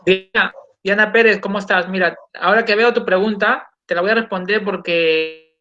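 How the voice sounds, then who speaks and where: A man's voice: sits high, steady tone, moderate pace, pushed and bright, muffled recording. A man hosting a casual online interview, explaining and demonstrating pronunciation drills aloud. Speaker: host and coach.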